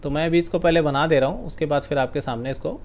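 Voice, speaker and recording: A man teaching a computer class online in Hindi mixed with English, explaining slowly and quizzing his students. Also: fairly high pitch, a little mellow.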